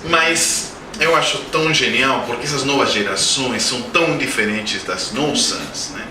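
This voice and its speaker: A Spanish-speaking man in his forties, guest speaker at a spiritist center, gives a humorous lecture in Portuguese with a Spanish-speaking accent, full of anecdotes and questions for the audience. His mid-range voice moves at a moderate pace, recorded on a distant mic in a roomy lecture hall with background noise.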